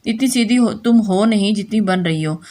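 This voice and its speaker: Curt, authoritative young husband in an audio novel, read by a woman; mid-pitched, barely shifted. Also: normal speed, warm tone, natural voice. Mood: commanding. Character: stern wealthy young husband, commanding and curt.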